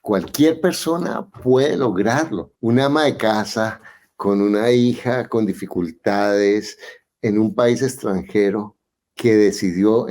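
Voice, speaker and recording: A middle-aged man hosting a podcast interview, speaking in an encouraging, emphatic way and closing with a motivational pitch. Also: a little mellow. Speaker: podcast host.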